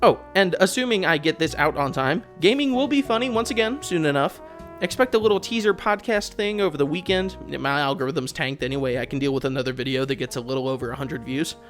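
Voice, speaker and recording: Over soft background music, a fast-talking video essayist with a medium-pitched voice delivers a sarcastic, exasperated rant about a video game. The opinionated commentary includes swearing, and the speaker is the channel's host.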